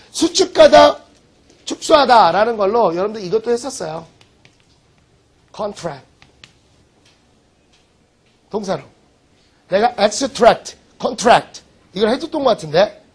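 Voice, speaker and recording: A man teaching vocabulary in an online lecture, joking and teasing his students with quick rhetorical questions. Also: sits high, husky. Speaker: English teacher.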